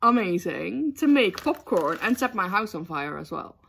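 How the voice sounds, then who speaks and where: A young woman from the Netherlands telling a casual storytime, excitable and giggly with lots of ums. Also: mid-range voice, moderate pace, vocal fry, slight background noise. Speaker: booktube vlogger.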